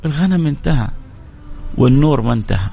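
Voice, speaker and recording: A man, hosting a religious radio show and telling stories with lively, dramatic rises in his voice. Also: medium pitch, fast, vocal fry, breathy edge, soft background music. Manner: animated storyteller, voice leaps up for dramatic moments. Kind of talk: religious storytelling talk.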